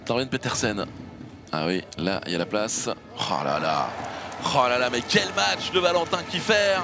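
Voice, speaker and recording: A man's voice: mid-range voice, very animated, moderate pace, gravelly. A man delivering live commentary on a handball match. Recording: music bed under broadcast commentary.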